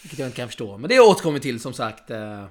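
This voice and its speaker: A man's voice: mid-range voice, big pitch swings. Chatty male podcast host. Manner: chatty, quick asides, frequent fillers. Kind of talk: casual tennis podcast chat.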